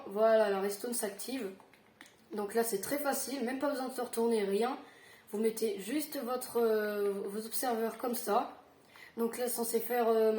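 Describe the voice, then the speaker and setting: A tired woman giving a casual Minecraft building tutorial, halting with fillers and self-corrections. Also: on the high side, a little mellow, echoey room, a little hiss or hum.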